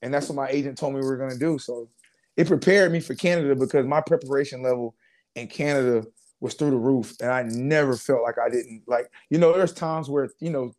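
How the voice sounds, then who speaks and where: Speaking at a medium pitch and a little fast, a former pro football player in his twenties recounts his story in a laid-back interview. His talk is loose and slangy, packed with fillers and false starts.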